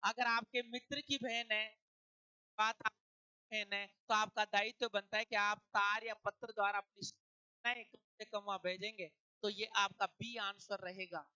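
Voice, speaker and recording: Male exam-prep tutor, crisp bright voice, dry close sound, poses and answers his own questions. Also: sits high, steady tone, unhurried, dry recording, muffled recording. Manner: explains step by step, asks and answers own questions.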